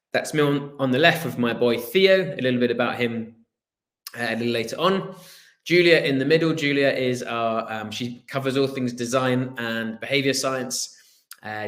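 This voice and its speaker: A man from Wales in his thirties presents his business on a video call with a Welsh accent. His pitch sits in the middle range, and he talks in an earnest, storytelling way with the odd pause. The room around him is roomy and echoey. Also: fairly bright tone. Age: 30s. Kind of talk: online presentation. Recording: roomy echo.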